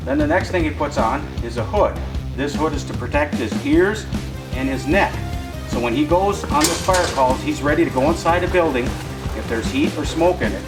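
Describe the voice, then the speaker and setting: A man's voice: fairly high pitch, expressive, normal speed. Man, firefighter, patient explainer to children, distant, echoey room, music in background. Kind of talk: fire safety demonstration for children.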